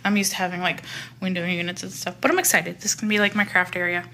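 A woman films a handheld home tour inside her newly moved-into house, worn out from the move. She talks fast in a bright, forceful voice with little pitch movement, chatting and rambling, and switches to a high baby voice to coo at her pets. The home recording is noisy.

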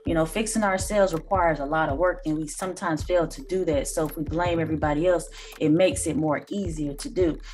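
A woman's voice: low voice, steady tone, a little fast, a little mellow. A woman in her thirties, host of a reaction channel, giving earnest, lecturing commentary with occasional ums, recorded indoors on a phone or webcam. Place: small room indoors.

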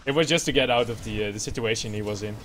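A man's voice: on the low side, rapid-fire, fairly bright tone. Dutch-accented man casting a game. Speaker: esports caster. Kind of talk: play-by-play commentary.

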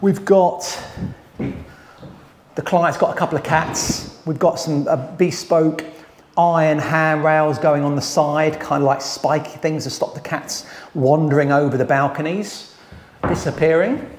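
A man in his thirties, site manager for a renovation company, leads a casual tour of an empty house under renovation, briskly and matter-of-factly listing each piece of work room by room. His tone is steady and a little high. The bare plastered rooms are shot indoors on a wide-angle camera carried by another person, his voice a few meters away.

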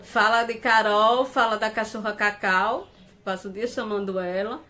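A woman's voice: mid-range voice, steady tone, moderate pace, pushed and bright. A woman hosting a casual live stream from home, reading viewer comments aloud and laughing often.

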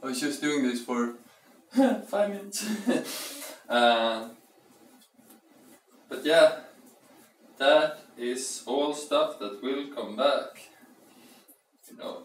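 A young man chatting casually while baking bread in his home kitchen, rambling and playful, thinking aloud and humming as he works. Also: medium pitch. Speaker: home cooking vlogger. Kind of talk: casual cooking chat. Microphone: camera across the room. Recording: echoey room, voice from far off.

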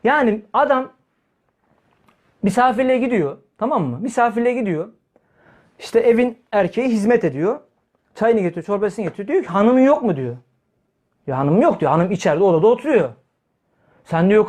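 A man's voice: sits high, animated, normal speed, long pauses, a little mellow. A man preaching to a congregation, blunt and heated, acting out the people in his stories. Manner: heated, blunt, acts out quoted dialogue. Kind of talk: sermon.

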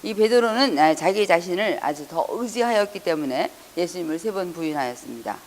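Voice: mid-range voice, expressive, fairly quick, slight background noise. A pastor giving an earnest Sunday sermon, hesitating and correcting himself often, raising the voice when reading scripture. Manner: frequent hesitations and self-corrections. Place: church hall. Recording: long church hall reverb.

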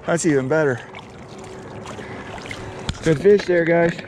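Brief: slow-talking, fairly high-voiced man, casual fishing vlog commentary, outdoor camera audio with steady wind and water noise. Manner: upbeat, repeats words while landing fish. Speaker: fly fishing vlogger. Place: outdoors on a lake in a small boat.

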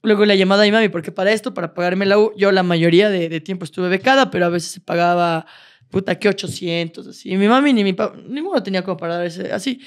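A woman, co-hosting a podcast and telling personal stories in a lively, laughing, swear-sprinkled way. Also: medium pitch, quick pace. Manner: lively, laughs often, swears casually, many restarts. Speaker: podcast co-host. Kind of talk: casual storytelling chat.

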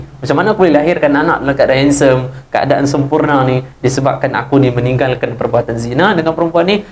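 A man with a Malaysian Malay accent giving a religious lecture, telling stories and acting out the characters' lines with a raised voice. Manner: lively storyteller, acts out characters' lines with raised pitch. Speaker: religious teacher. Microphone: wireless lapel mic.

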